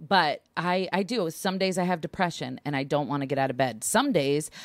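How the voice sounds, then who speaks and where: Low-voiced woman telling candid stories. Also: brisk, dry recording. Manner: candid, animated storytelling, laughs easily. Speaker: podcast guest. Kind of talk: casual interview chat.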